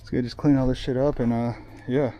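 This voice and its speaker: A young man chatting casually while working on a car in his garage, excited and swearing often. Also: mid-range voice, brisk, slight background noise. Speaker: car builder vlogger.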